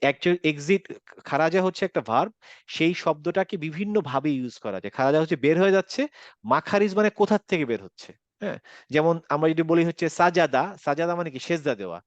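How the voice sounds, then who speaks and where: A man's voice: fairly high pitch, expressive, fast talker, no room sound, lo-fi sound. A man with a Bangladeshi accent, teaching Quran pronunciation and explaining step by step with English words mixed in. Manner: explains step by step, mixes English words, asks checking questions. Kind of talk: online class lecture.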